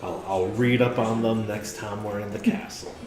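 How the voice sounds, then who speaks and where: A man's voice: on the low side, fairly even intonation, moderate pace, crowd noise. A man playing a tabletop role-playing game, talking casually in and out of character. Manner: casual, sweary. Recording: roomy echo, faint music behind. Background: faint music.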